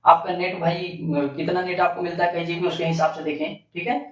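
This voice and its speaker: A man teaching a classroom lesson. He fires off questions and answers them himself, dropping lower each time. His voice comes from some distance off in a roomy, echoing space, and the recording sounds dull. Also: little pitch movement, brisk, fairly bright tone. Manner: addresses students as bhaiya and bachche. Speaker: physics teacher.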